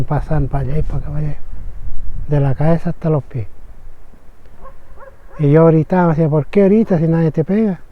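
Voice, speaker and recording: An older man with a Chilean Spanish accent giving halting, plain-spoken documentary testimony as a witness. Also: fairly high pitch. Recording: tinny phone-like sound.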